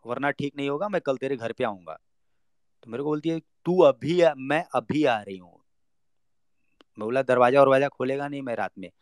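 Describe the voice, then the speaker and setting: A young man telling a personal story in a casual talk. He acts out the lines of the people in it and drops to a low murmur for his own thoughts. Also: clear, resonant tone, dry recording.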